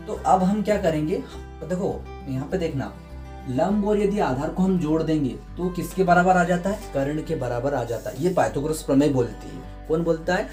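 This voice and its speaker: A man teaching a math lesson for exam prep. He asks his students questions, answers them himself, and repeats key terms over and over. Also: fairly high pitch. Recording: echoey room with guitar music behind.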